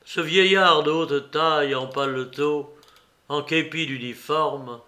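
A man narrating a classic novel in a deliberate reading manner. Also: a little high, fairly even intonation, sharp tone. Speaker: audiobook narrator.

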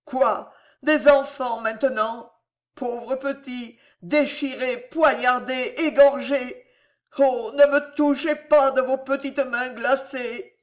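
A man's voice: sits high, slow, hardly any pauses, a bit bright. A man reading aloud, voicing a delirious dying young king who pleads in frantic cries, tormented by guilt. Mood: terrified. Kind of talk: dramatic reading of a historical novel.

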